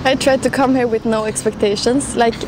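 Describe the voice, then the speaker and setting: Young Swedish woman, higher voice. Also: brisk, noisy background. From southern Sweden. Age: young adult. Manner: relaxed, fillers like 'like' and 'uh'. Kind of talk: casual testimonial talk. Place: outdoors on a city square in winter. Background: music.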